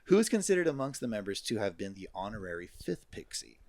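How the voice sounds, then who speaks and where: A man with a lowish, lively voice runs a casual trivia round, reading out multiple-choice options and laughing between questions. He swears freely. The sound is close and dry. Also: fast, no room sound. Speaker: quiz host. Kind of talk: casual podcast trivia chat.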